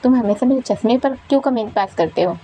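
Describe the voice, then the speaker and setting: A woman voicing a calm, quiet young man with glasses who speaks softly and pleads for peace. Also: a little high, fast, a little hiss or hum, voice pushed up, lightly acted. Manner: soft, pleading and restrained.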